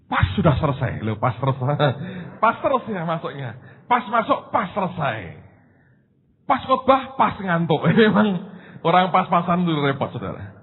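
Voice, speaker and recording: Pastor guy, husky, swoopy storyteller, thin tinny sound, big echoey hall. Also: fairly high pitch, normal speed. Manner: animated storytelling, acting out dialogue, laughing at own jokes. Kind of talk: sermon. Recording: tinny phone-like sound with long hall reverb.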